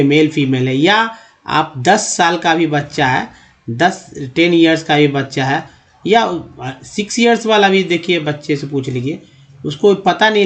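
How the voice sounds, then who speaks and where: A man giving a spoken lesson on reading English. He explains step by step, often repeats words and asks his listeners questions. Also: fairly high pitch. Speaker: English teacher.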